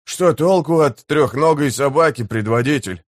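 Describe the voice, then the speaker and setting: A man voicing a big, blunt male warrior companion in an audiobook, speaking in short, gruff replies. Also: mid-range voice, big pitch swings, normal speed, dry recording, clean studio sound, lightly acted.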